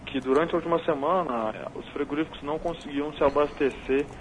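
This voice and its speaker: A man with a Brazilian accent, a market analyst, explaining prices in a measured, analytical way while heard over a phone line. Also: fairly high pitch, fairly even intonation. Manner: measured, analytical, tags points with "né?". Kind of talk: explaining market figures on a call-in interview. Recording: dull phone line with faint noise.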